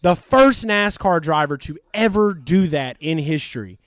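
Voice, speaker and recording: A man hosting a live race stream, giving excitable, profane, jokey commentary. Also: on the high side, unhurried, no room sound, clean studio sound.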